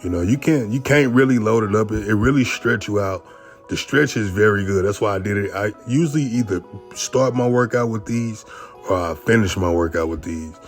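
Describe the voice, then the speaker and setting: A man narrating his own workout footage as a casual instructional voice-over, talking in a relaxed, conversational way and often adding "you know what I mean". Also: on the low side, normal speed, soft background music.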